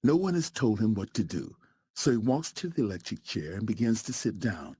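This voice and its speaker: A man narrating a true story in a scripted, dramatic storytelling style, slowing down for emphatic pauses. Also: lowish voice, very animated, warm tone, husky, dry recording.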